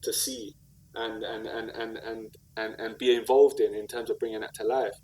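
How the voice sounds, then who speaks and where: A rapper and community activist from South London talks earnestly as a podcast guest, reflecting and telling stories in slang, often saying "like" and "you know what I mean." His lowish voice is a little mellow with little pitch movement and normal speed, and the recording quality is low.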